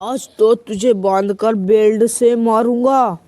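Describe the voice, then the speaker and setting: A stern, angry young husband in a comedy skit, as a woman puts him on. He threatens slowly, in a dry, close voice. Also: fairly high pitch, fairly even intonation, mellow, no room sound.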